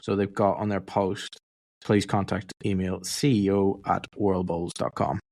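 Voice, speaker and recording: A man co-hosting a casual sports podcast, relaxed and teasing his co-host. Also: low-pitched, measured pace, dry recording, clean studio sound.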